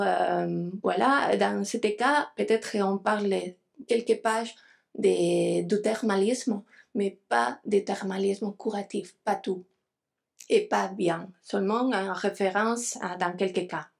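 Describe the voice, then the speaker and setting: A woman's voice: medium pitch, creaky, a little mellow. A woman with a foreign accent in French, a non-native speaker giving an academic lecture, hesitant as she searches for words. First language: not French.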